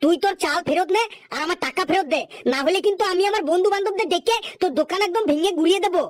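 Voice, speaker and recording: A woman voicing a hotheaded boy who brags and threatens quickly. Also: extremely high pitch, no room sound, clean studio sound. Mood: threatening. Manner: fast, blustering, threatening. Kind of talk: cartoon voice acting.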